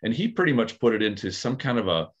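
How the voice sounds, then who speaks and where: On a casual podcast, a male aikido practitioner and co-host talks through ideas in a medium-pitched voice, very animated and fast. He's thoughtful yet hesitant, full of fillers and restarts, and the audio is dull.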